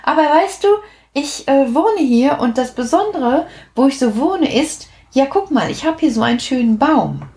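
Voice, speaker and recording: A woman voicing a small, cheerful girl witch who is proud and eager, speaking high and bubbly in a children's storybook. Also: lively intonation, moderate pace, a little mellow.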